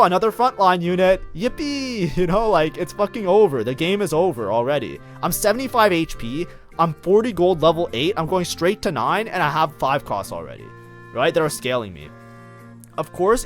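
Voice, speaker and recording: Lively chatty male game streamer. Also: medium pitch. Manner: chatty, lots of fillers like "like, you know". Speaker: game streamer reviewing his own match. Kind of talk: casual gameplay commentary.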